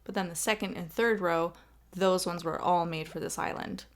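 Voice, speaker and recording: A woman's voice: on the low side, steady tone, normal speed. A young woman with a Canadian accent, hosting a game video in a bubbly, chatty way and poking fun at herself. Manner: bubbly, chatty, self-deprecating. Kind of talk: casual chat over gameplay.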